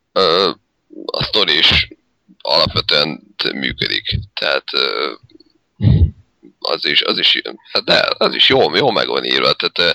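A man with a low, gravelly voice that has a sharp, bright edge talks over superhero films in a relaxed chat. He hedges and pauses with fillers as he weighs his points. The sound is dry and close. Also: dry recording, poor audio. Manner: hesitant, hedging with fillers. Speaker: film reviewer co-host. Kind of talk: casual film review chat.

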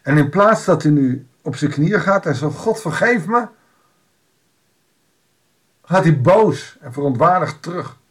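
A man's voice: fairly high pitch, normal speed. A man giving an informal Bible devotional, reading a passage aloud and explaining it in a conversational way with wry asides.

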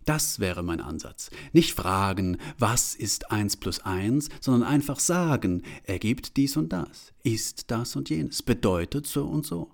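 A man's voice: medium pitch, animated, a little slow, vocal fry, few pauses. A man reading as a blunt philosophizing woman. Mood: assertive. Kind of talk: audiobook reading.

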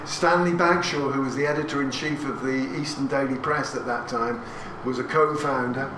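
A family-history talk to a live hall audience comes from an English man in his sixties, with a medium, steady voice at normal speed. He tells his story anecdotally and chattily, with asides and questions. Audience noise and echo come through a distant recording.

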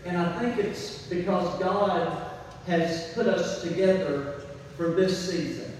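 A pastor with a high-pitched, darkish voice preaches a church sermon to a congregation, slowly and with fairly even intonation. He is folksy and emphatic, repeating key phrases, though laryngitis has weakened his voice a little. The hall is very echoey, the mic distant, with faint noise.

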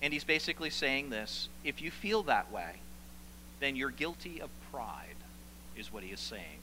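A man preaching a sermon, asking the congregation questions and rising to loud, emphatic peaks. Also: medium pitch, big pitch swings, moderate pace. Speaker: pastor. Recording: reverberant hall, faint hum.

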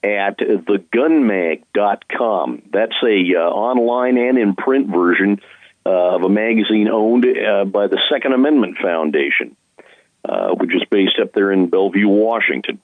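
Guy guest on radio over a tinny phone line, lowish voice, halting casual talk. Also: no echo. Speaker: radio show guest, gun writer. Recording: dull, phone-like band-limited line.

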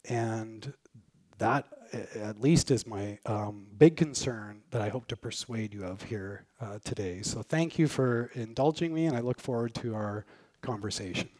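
A man's voice: on the low side, a little slow, mellow. A man, a guest speaker, closing his lecture with earnest, hesitant phrasing.

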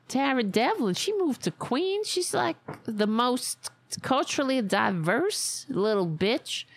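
Doing a full character voice, a woman plays a brash older Staten Island widow with a thick accent in a sarcastic, exaggerated satirical monologue. She drawls slowly at a medium pitch, her gravelly voice swooping up and down. The recording is close and dry, without room sound.

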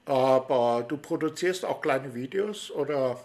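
A man of medium pitch and darkish tone hosts a chatty radio-style interview, his intonation lively and his pace unhurried. He asks friendly, meandering questions with plenty of fillers.

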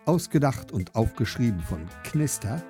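A man narrating a children's story in a playful, dramatic storytelling manner with sudden slowdowns. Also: medium pitch, very animated, dark tone, faint music behind. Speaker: audiobook narrator.

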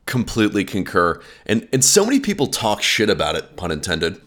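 A man's voice: fairly low pitch, wildly swooping pitch, fairly quick, a bit bright. A man hosting a casual podcast with profane, bro-like banter. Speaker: podcast host.

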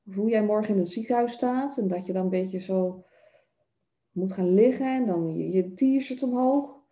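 A woman's voice: mid-range voice, moderate pace, warm tone, muffled recording. A woman giving a self-help masterclass, talking straight to the listener through everyday examples. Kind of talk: spoken self-help lesson.

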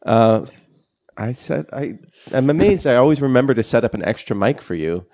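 Guy hosting a podcast, lively up and down voice, casual chat. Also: mid-range voice, normal speed. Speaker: podcast host.

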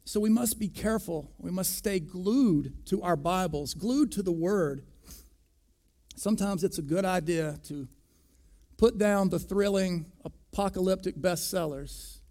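A pastor preaching a sermon, deliberate and emphatic, pressing hard on key words. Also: male voice, fairly high pitch, vocal fry, a little mellow.

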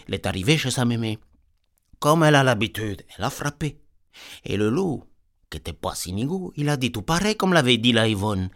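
A man's voice: medium pitch, fairly bright tone. A man telling a tale in a comic folksy way, rambling off into peasant chatter. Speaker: storyteller.

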